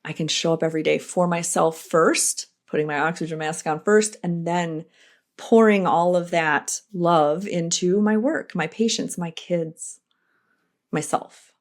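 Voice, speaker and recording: A middle-aged woman speaks on her own podcast, her voice sitting on the lower side. She talks in an earnest, reflective monologue, breaking off into animated asides and restarting her thoughts as she goes. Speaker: podcast host.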